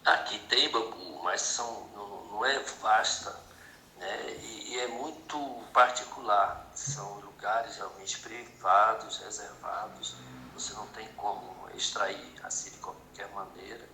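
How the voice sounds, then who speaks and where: A man from Bahia with a Bahian accent, talking calmly in an online meeting. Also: fairly low pitch, a little slow, roomy sound, slight background noise, low-quality recording. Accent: Bahian Brazilian Portuguese. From Bahia, Brazil. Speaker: meeting participant.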